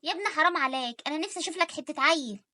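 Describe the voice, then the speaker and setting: A woman's voice: high voice, pushed and bright, dry recording, clean studio sound. A woman voicing a nagging old Egyptian mother. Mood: insistent. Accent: Egyptian Arabic. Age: older. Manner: nagging, insistent, fast. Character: grumbling elderly mother, pushy and doting. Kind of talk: animated story voice acting.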